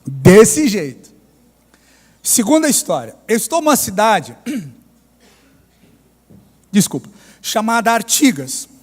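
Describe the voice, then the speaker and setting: A pastor with a Mineiro accent, telling a story in a sermon with ironic humor. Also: male voice, high-pitched, very animated, slow, long pauses. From Minas Gerais, Brazil. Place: church. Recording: reverberant church hall.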